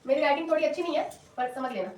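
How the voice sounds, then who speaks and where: A woman tutor with a sore throat, teaching loudly and drilling students through repetition. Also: high voice, racing. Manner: loud, repetitive drilling, call-and-response. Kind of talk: classroom lesson with call-and-response. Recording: echoey room, mic far off.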